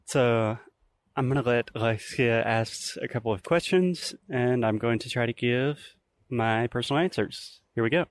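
A man in his early thirties hosts a podcast while out walking in nature, explaining things in a casual, conversational way. His voice is mid-range and he talks at a normal speed.

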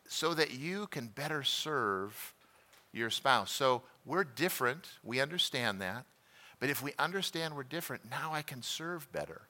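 Bright-voiced man teaching a sermon class. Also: medium pitch. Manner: conversational, self-deprecating, asks the room questions. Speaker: pastor.

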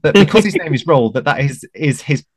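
A man talking casually about royal history, hesitant and careful, with many pauses and restarts. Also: a little high, expressive, no echo. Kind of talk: casual chat.

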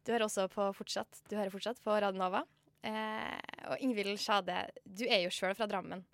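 A woman host of mid pitch talks on air in a relaxed way, pausing with fillers as she introduces and questions her guest. Her voice is close and dry, recorded in a studio. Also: no room sound. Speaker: radio host. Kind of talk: radio interview. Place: radio studio.

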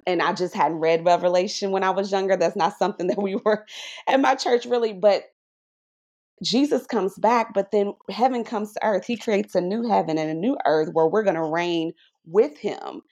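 Woman guest, mid-range voice, lively and preacherly testimony, tag questions throughout. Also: mid-range voice, moderate pace. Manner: animated, preacherly, often asks "right?". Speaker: podcast guest. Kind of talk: faith testimony conversation.

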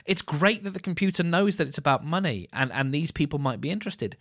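A man's voice: on the high side, lively intonation, fast talker, fairly bright tone, dry recording, clean studio sound. A man hosting a podcast, giving casual solo commentary in a wry, mocking way, with many restarts and repeated words. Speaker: podcast host.

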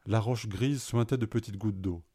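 A man reading an adventure story aloud in a calm, even narrating voice. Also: on the low side, normal speed, husky.

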